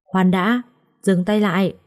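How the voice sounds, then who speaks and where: A woman storyteller voicing a gentle but firm young bride who speaks politely and with restraint. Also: mid-range voice, steady tone, unhurried, close to an everyday voice.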